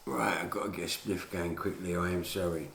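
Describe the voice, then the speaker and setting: A man's voice: deep voice, fairly even intonation, fairly quick, creaky. A British man giving a matey, opinionated, unscripted monologue, recorded on a dictaphone at home. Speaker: solo recorder of a spoken commentary. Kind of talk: rambling informal monologue. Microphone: handheld dictaphone. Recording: roomy dictaphone recording with faint noise.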